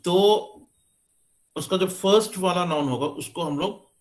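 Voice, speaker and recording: A man giving a classroom lecture, explaining slowly with many pauses and fillers as he points to what he writes. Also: sits high. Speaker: teacher. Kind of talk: classroom lecture on English stress.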